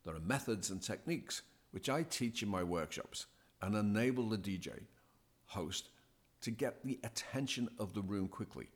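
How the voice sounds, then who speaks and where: A man speaking as a podcast guest, giving deliberate, emphatic advice as a DJ coach. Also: fairly low pitch, expressive. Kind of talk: measured, scripted-sounding advice.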